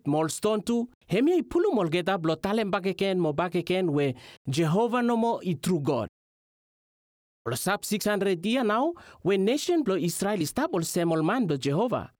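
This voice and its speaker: A man delivers a Bible teaching talk in a Melanesian pidgin accent from Vanuatu. His pitch moves in a lively, expressive way, and the sound is dry and close. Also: dry recording. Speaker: religious teacher.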